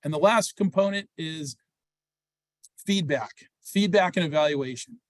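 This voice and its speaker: A man hosting an online webinar, talking fast and upbeat with frequent fillers over a video call. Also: on the high side, no echo. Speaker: program host. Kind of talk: webinar presentation.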